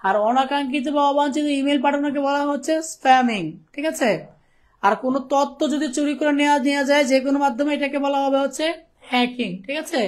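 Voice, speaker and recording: A man's voice: very high-pitched, fairly even intonation, fast talker. A young man from Bangladesh teaching a live online class, chatty and teasing his students, often checking "okay?". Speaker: ICT teacher.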